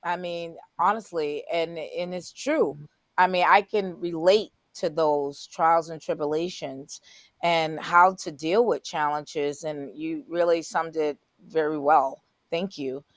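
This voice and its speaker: A woman hosts a talk show, reacting to her guest in an effusive, exclamatory way. Her voice sits fairly low, and the recording is dry and close. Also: fairly even intonation, slow pace, dry recording. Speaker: host. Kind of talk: casual interview chat.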